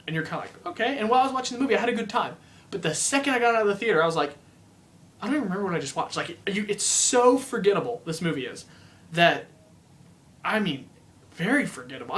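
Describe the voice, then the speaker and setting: High-voiced young man reviewing a movie. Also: a bit bright. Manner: chatty, keeps saying "like".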